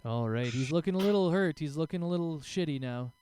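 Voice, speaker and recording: A man's voice: fairly high pitch, expressive, fast, a little mellow, slight background noise. A man acting as game master, casually narrating a tabletop role-playing game.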